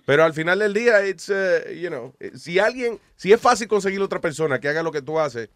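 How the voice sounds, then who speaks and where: A man's voice: high voice, animated, fairly quick, dry recording. A man chatting casually in Spanish, switching into English and swearing casually. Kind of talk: casual chat.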